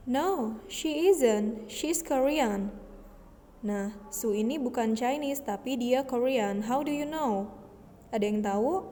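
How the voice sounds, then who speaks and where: A woman with an Indonesian accent teaching an English lesson, explaining slowly and patiently and switching between languages. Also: fairly high pitch, darkish tone, big-room sound, slight background noise. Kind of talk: bilingual classroom lesson.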